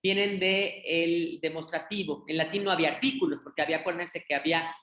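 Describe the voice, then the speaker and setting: A woman's voice: on the low side, fairly even intonation, fairly quick, fairly bright tone, roomy sound. A woman with a Mexico City accent, a guest linguist explaining her points at length in a casual panel discussion. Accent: Mexico City Spanish.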